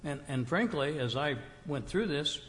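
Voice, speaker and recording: A man serving as a board member, debating in a meeting with deliberate, pointed questions. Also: a little high, expressive, a bit bright, big-room sound, slight background noise. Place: meeting room.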